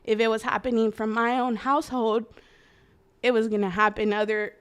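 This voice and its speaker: Twenty-something woman opening up in an interview, reflective, says "like" a lot, smooth voice. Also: a little high, little pitch movement, moderate pace. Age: 20s. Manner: earnest, reflective, uses "like" often. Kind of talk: candid personal interview.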